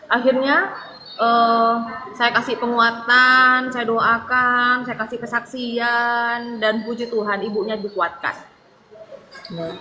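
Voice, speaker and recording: A woman from Madura preaches to her live-stream audience in an earnest, pleading way, her voice sitting a little high and sometimes close to tears. She is picked up on a phone, with clear background noise under her. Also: pushed and bright, poor audio. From Madura, Indonesia. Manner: earnest, pleading, tags most phrases with "ya"; emotional, near tears at times. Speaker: evangelist.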